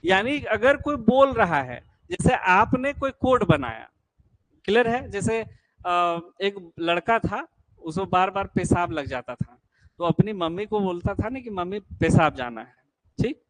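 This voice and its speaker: Male coaching teacher, fairly high voice, keeps checking the class follows, folksy storytelling. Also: expressive, unhurried, no room sound, rough recording. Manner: keeps checking students understand, tells folksy anecdotes. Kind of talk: classroom lecture.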